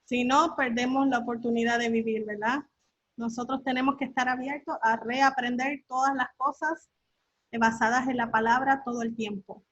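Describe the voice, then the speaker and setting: Earnest high-voiced woman on a call. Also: fairly even intonation, moderate pace, a bit bright, dry recording, lo-fi sound. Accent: Latin American Spanish. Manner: earnest, with many fillers and tag questions. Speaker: workshop speaker.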